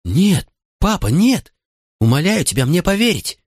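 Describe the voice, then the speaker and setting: Here a man performs a scared little boy in an audiobook, tearfully begging his stern father while sobbing. The voice is mid-range and expressive, pushed upward yet still natural-sounding, at a moderate pace, captured dry with studio quality.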